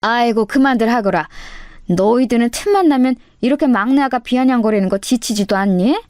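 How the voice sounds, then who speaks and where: A kindly older mother-in-law with a soft, motherly way of talking and a slightly high voice, as a woman storyteller puts her on. Her old-fashioned speech sounds dry and close, with no room around it. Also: a little fast, no echo, natural voice. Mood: weary.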